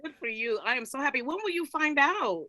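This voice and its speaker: A woman's voice: high-pitched, animated, a little fast, sharp tone, no echo, clean studio sound. A woman radio host giving enthusiastic, hyped reactions in a casual interview.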